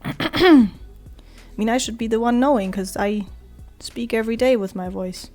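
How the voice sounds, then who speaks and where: A woman with a cold talks casually while she draws, her voice hoarse and raspy, quiet and monotone, sometimes dropping to a soft murmur. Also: on the high side, normal speed, soft background music. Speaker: art vlogger. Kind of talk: casual talk while drawing.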